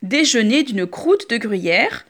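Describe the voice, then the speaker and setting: A woman voicing a calm, kind man in a children's story, speaking lower and slowly. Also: full character voice.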